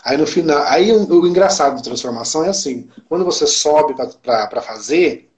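Excited Brazilian man telling a story. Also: on the high side, normal speed. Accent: Brazilian Portuguese. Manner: excited, emphatic storytelling with quoted dialogue. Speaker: podcast guest. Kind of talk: casual chat.

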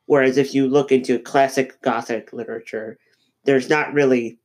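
A podcast co-host with a head cold sounds slightly nasal, his medium-pitched voice holding a steady tone. In a casual discussion, he thinks aloud slowly, stopping and restarting with plenty of fillers.

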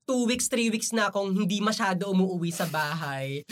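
A woman's voice: medium pitch, lively intonation, normal speed. A woman telling a personal story in casual podcast chat, rambling with fillers.

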